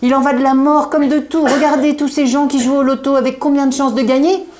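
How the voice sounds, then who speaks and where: A woman reading aloud, voicing a jovial chubby male undertaker with cheery, booming salesman patter. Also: level tone, a little fast, darkish tone. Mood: enthusiastic.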